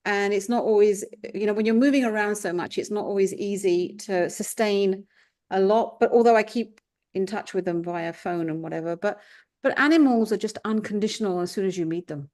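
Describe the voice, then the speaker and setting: A thoughtful woman in her fifties from England, a life coach whose first language is Punjabi, talks a little fast on a reflective podcast. Her medium-pitched voice is slightly mellow, and she circles back with restarts.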